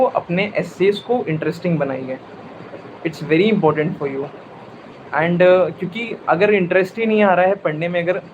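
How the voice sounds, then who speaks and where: Young guy, early 20s, kinda high voice, lots of ums, switches into english a lot, faint hiss behind. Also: poor audio. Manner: mixes Hindi and English, many fillers and self-corrections. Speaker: exam topper sharing preparation advice. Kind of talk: live interview answers.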